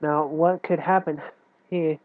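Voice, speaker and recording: This chess teacher's voice sits on the high side, steady and slow, and is stuffy and nasal from a cold. He explains moves loosely, self-correcting, in a casual tutorial captured on a tinny, dry, phone-like recording without room sound.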